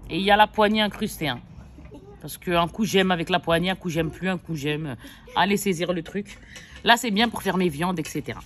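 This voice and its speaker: Here a woman with a fairly low, fairly quick voice shows her viewers her latest purchases in a casual haul. She's a vlogger and an adult mother of several children, speaking directly to her audience in a rambling way, with lots of fillers and corrections.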